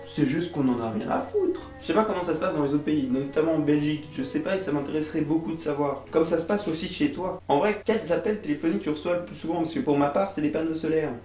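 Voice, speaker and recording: Rattling along fast with few pauses, the YouTube host, a young adult man, delivers a theatrical, exasperated comic rant straight to camera, laced with slangy swearing. His voice is a touch high, his tone darkish. Echo fills the room, and music plays in the background.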